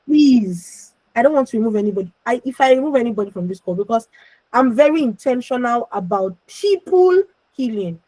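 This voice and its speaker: A young adult woman hosting an online emotional healing session, reassuring attendees, calling them by name and pleading with them gently. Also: a little high, lively intonation, fairly quick, no room sound, rough recording. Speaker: conference host and emotional healing coach. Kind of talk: live online coaching session. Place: online video call.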